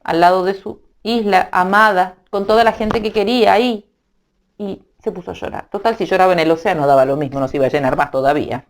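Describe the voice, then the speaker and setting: A woman narrating a children's storybook in an animated, playful way, adding sound effects. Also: fairly low pitch, quick pace, slight background noise.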